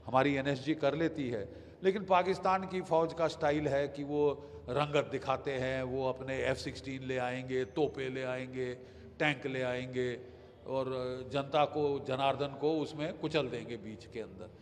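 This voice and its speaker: Older man, defence-expert commentator, emphatic and halting, reverberant hall with faint room noise. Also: medium pitch, fairly even intonation. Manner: emphatic, with hesitant pauses and English phrases. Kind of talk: news commentary.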